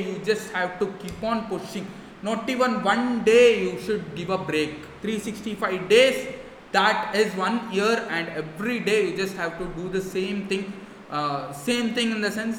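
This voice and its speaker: High, bright-voiced man podcasting in echoey room. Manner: earnest, emphatic, repeats key phrases. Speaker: podcast host. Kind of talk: motivational monologue podcast. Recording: echoey reverberant room, faint noise.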